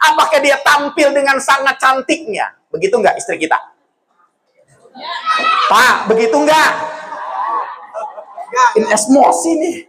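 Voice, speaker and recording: A man preaching a sermon, animated and often shouting, joking with his audience and quoting Arabic phrases. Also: very high-pitched, measured pace, long pauses, a little hiss or hum, poor audio.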